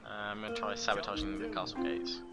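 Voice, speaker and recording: Rambling low-voiced man over game music. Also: flat delivery, quick pace. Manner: rambling, self-mocking, stumbles over foreign names. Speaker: gamer narrating a strategy campaign. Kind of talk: casual let's play commentary.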